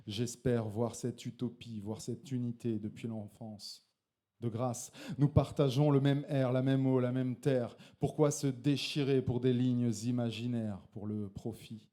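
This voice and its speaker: In a mellow mid-range voice, a man who is a slam poet and co-host performs his poem live at a slam venue with an audience. He's tipsy from beer and slips playful, laughing asides in between verses.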